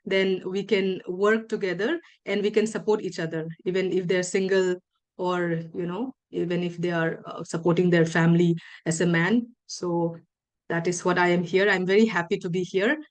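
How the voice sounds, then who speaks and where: A woman's voice: lowish voice, steady tone, moderate pace. Earnest woman introducing her work. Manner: earnest, with many "you know" fillers. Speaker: participant. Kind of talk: self-introduction at a meeting.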